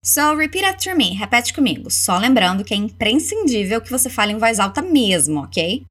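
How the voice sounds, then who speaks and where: Lively Brazilian woman teaching English. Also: on the high side. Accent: Brazilian Portuguese. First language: Portuguese. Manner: slow, over-articulated model phrases between quick explanations. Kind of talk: language lesson with repeat-after-me drills.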